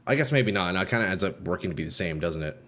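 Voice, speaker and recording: A man's voice: sits low, expressive, very fast, fairly bright tone. A young man live streaming a video game, chatting casually with his viewers in a slangy, sweary frat-bro manner.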